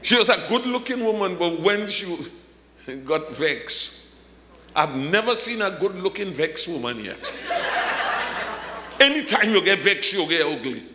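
A man preaching a sermon as a pastor, from the Caribbean, swinging from shouted high points to humorous asides. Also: very animated, measured pace, pauses often, echoey room, long reverb tail, slight background noise.

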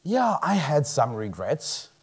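A Croatian man in his 30s, a native Croatian speaker and medical student, gives a motivational talk on a big theater stage. His voice is a little high and husky, slow, with wildly swooping pitch. He talks earnestly, chuckling often and restarting words.

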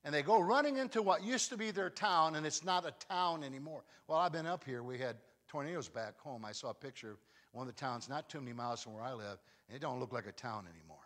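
A guest pastor, a man with a slightly high voice, preaches a sermon at a quick pace. He tells a story, swinging dramatically between loud passages and hushed ones.

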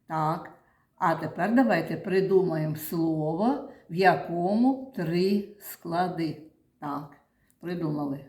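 A woman's voice: lowish voice, slow pace, a little mellow. A woman teaching young children in a classroom, patiently stretching words into their syllables and sounds and praising often. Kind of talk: classroom lesson. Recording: echoey classroom.

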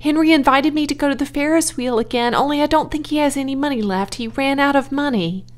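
A woman voicing an excited, pleading young farm girl in a storybook reading, eager and insistent. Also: high voice, fast, pitched above the performer's own voice, natural voice. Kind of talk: storybook character voice.

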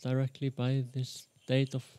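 Mellow-voiced man asking from the floor. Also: mid-range voice, completely flat delivery, smooth, no room sound. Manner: halting, searching for words. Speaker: audience member asking a question. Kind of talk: question from the floor.

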